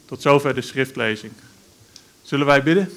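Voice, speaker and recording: A man's voice: medium pitch, fairly bright tone. Earnest man reading scripture. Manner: measured, earnest reading with pauses. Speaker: preacher.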